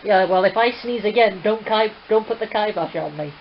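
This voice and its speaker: A woman chatting casually on a live stream, teasing and quick to laugh. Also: mid-range voice, lo-fi sound, slight background noise. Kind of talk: casual chat.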